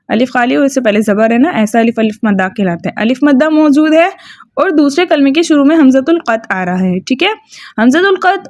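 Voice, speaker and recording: High-voiced woman teaching tajweed. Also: darkish tone, no room sound, studio quality. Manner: explains rules step by step, often asks "ठीक है?". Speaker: Quran recitation teacher. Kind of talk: tajweed lesson with recited examples.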